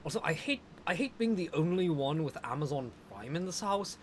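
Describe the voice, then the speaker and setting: A man's voice: a little high, fairly quick, slight background noise. A man chatting during a co-op game stream, joking and ranting animatedly. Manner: animated, jokey rants. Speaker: co-op player. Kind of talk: casual gaming chat.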